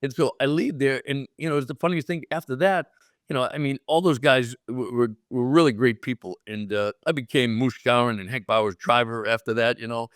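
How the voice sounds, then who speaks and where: A man's voice: medium pitch, a little fast, no room sound, studio quality. A man in his sixties telling a story in casual chat as a podcast guest, acting out quotes with a raised voice. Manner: animated, acts out quotes with raised voice. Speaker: guest, former pro ballplayer.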